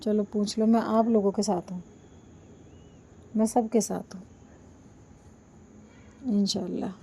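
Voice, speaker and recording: Slow, soft-spoken woman with a sore throat. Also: mid-range voice, fairly even intonation, a little hiss or hum. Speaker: vlogger. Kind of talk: casual chat to viewers. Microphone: no microphone, built-in device mic.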